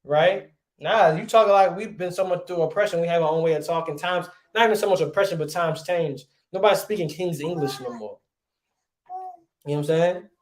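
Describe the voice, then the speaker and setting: A man's voice: on the high side, fairly quick. Man teaching a casual class. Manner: conversational, asks rhetorical questions often. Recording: roomy echo.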